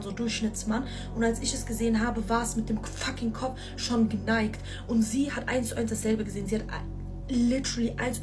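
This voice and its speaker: A woman recounts her own scary encounter in a casual, slang-filled way, turning to her listeners again and again. Her voice sits a bit high, and faint music plays underneath. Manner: excited, slangy, addresses listeners directly. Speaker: storyteller. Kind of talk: casual first-person scary story.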